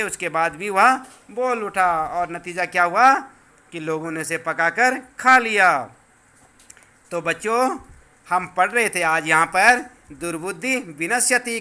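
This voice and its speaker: A male teacher explaining a school lesson to children, patiently repeating words slowly so they learn the pronunciation. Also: high voice, bright, forceful tone.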